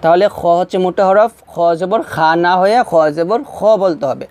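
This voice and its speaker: A man teaching Quran reading, spelling out syllables one at a time and drawing out whole words slowly so learners can repeat them. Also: high voice, a little mellow, no echo. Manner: patient, repetitive explaining. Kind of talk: recorded recitation lesson.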